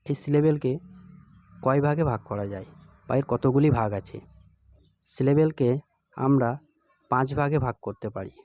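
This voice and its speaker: Male teacher giving a scripted grammar lesson, measured and steady, mellow timbre. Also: medium pitch, no echo. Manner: slow, measured explanation.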